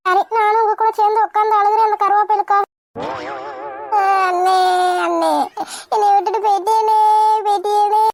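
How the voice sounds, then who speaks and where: A woman's voice: very high-pitched, completely flat delivery, rapid-fire, few pauses, soft background music. A woman voicing a cheeky comic woman in a cartoon, teasing and sarcastic.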